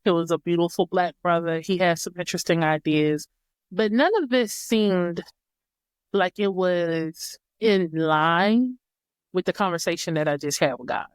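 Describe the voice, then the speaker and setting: A woman with a lowish, smooth voice tells a personal story at a measured pace as a podcast guest, with no room sound. She's reflective and casual, often repeating and rephrasing what she says.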